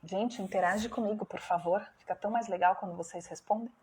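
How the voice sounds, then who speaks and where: Speaking fairly quickly in a steady, somewhat mellow medium-pitched voice, this doctor with a Brazilian Portuguese accent runs a live stream with slight background noise. She explains each step and poses questions to viewers, answering them on her own.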